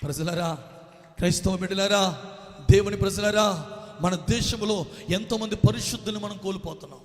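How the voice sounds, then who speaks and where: A man preaching a sermon as pastor, swinging from hushed passages to shouted climaxes and firing rhetorical questions at the congregation. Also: high voice, moderate pace. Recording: long hall reverb.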